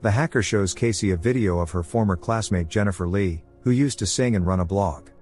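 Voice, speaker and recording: A man narrating a film recap in a steady, scripted storytelling voice. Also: on the low side, brisk. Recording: narration with faint music underneath. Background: soft background music.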